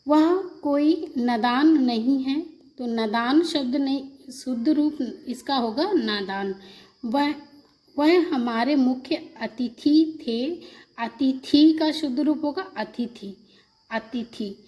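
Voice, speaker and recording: A woman's voice: high-pitched, slow, darkish tone. A woman teaching a Hindi spelling lesson for an exam, reading example sentences and then repeating each word in its correct form.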